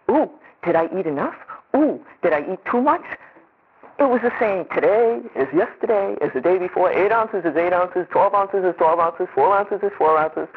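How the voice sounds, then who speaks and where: A woman's voice: fairly low pitch, slight background noise. A middle-aged woman giving an earnest, rambling personal testimony, often restarting her sentences as she speaks. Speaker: speaker sharing a recovery story. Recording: tinny phone-like recording.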